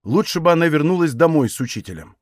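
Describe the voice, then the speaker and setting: A man reads a fantasy audiobook in a steady storytelling voice that sits a little high. The recording is dry and close, with no room sound. He keeps a measured reading pace. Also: no room sound. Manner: even storytelling, acts out dialogue. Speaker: audiobook narrator.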